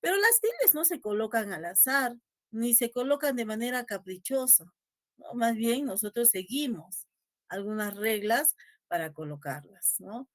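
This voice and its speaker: A woman's voice: fairly high pitch, animated, measured pace, no room sound, studio quality. A woman teaching an online class, patiently repeating key points and ending phrases with a questioning tag. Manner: checks in constantly with a rising tag question.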